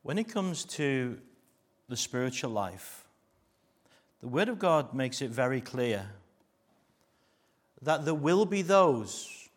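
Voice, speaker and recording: A middle-aged man from Liverpool, England, delivers a sermon in a mid-range voice with a Liverpool accent. He mixes jokey asides with earnest warnings that drop to a hush.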